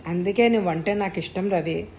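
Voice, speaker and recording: A woman's voice: fairly low pitch, brisk, darkish tone, slight background noise, natural voice. A woman reading the part of an older wealthy lady who speaks in an earnest, confiding way in an audio story.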